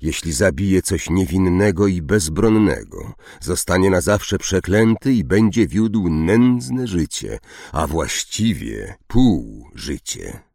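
A male narrator voicing a noble young centaur, speaking slowly and solemnly in an audiobook. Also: deep voice, big pitch swings, vocal fry, a little mellow, dry recording, clean studio sound, exaggerated voice. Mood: grave. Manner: slow, solemn, measured.

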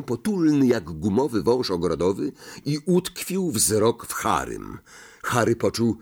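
Slow, expressive male audiobook reader. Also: on the low side, breathy edge. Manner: slow, expressive reading with dramatic inflection. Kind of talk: audiobook narration.

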